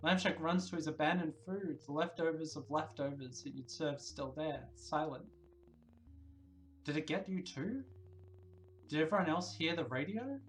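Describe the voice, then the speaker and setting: A game streamer speaks at medium pitch and normal speed, quietly reading the game's narration on a livestream and stopping for lively comments to the audience. The recording is low in quality.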